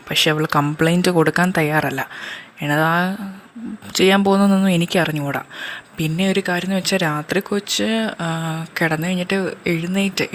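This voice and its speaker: Low-voiced woman in a fan audio drama. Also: a little hiss or hum. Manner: plain conversational delivery, voicing male characters.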